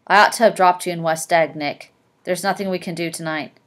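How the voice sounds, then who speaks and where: A woman voicing a gruff, domineering wealthy young man with a curt, commanding manner in a read-aloud novel. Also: lowish voice, fairly even intonation, brisk, a bit bright, close to an everyday voice. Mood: grim.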